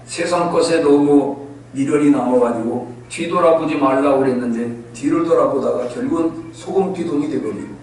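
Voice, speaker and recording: High-voiced pastor in an echoey hall. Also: male voice, a little hiss or hum. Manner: animated storytelling, acting out quoted voices. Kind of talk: sermon. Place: church sanctuary. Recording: echoey church hall from far off.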